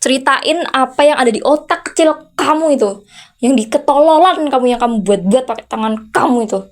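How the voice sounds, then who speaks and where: Speaking a little fast in a high, natural voice, this VTuber acts out an ASMR role-play of an enraged, single wealthy aunt with her own company. She lays into her teenage nephew with sarcastic, challenging questions and keeps snapping "hah?"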